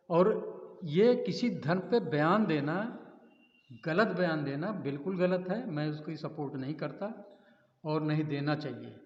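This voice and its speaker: A man's voice: fairly high pitch, a little mellow. Male pundit, indignant and emphatic, on a muffled roomy recording. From Uttar Pradesh, India. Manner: indignant, emphatic, with hesitant restarts. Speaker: political analyst. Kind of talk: news interview answers. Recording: echoey, roomy, dull lo-fi sound.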